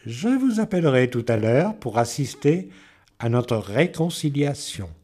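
A man voicing a sly, charming male fox who talks slowly and sweetly in a storybook reading. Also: mid-range voice, big pitch swings, mellow. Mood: reassuring. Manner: slow, honeyed and falsely friendly.

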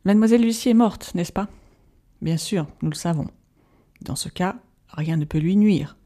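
A reader voicing an old male professor in an audiobook, solemn and measured, patiently pleading. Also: medium pitch, mellow, lightly acted. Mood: grave. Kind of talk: audiobook narration.

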